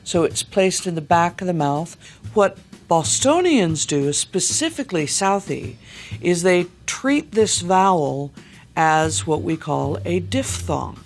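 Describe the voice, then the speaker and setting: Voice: medium pitch, very animated, takes it slowly, soft background music. A dialect coach giving articulate instruction, stretching out sounds to demonstrate them.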